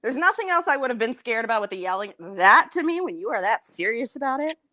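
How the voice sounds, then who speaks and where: A woman chatting casually with a friend, animated and laughing often, speaking in quick bursts. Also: a little high. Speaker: co-host of a chat video. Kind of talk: casual chat.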